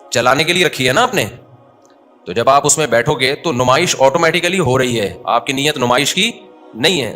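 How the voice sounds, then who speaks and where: A man's voice: medium pitch, sharp tone. A man giving a conversational sermon in a mosque. He asks the crowd questions and answers them himself. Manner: scolds listeners who look away. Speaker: mufti giving a mosque lecture.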